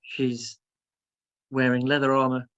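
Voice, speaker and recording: A man's voice: medium pitch, monotone, unhurried, a bit bright, smooth, muffled recording. A man running a tabletop role-playing game as game master, narrating it in a hesitant, piecemeal way.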